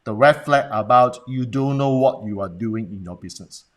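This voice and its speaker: Coaching his audience over a Facebook Live stream, this Hong Kong-accented business presentation coach is blunt, regularly posing rhetorical questions and checking in. He talks at normal speed with a medium pitch.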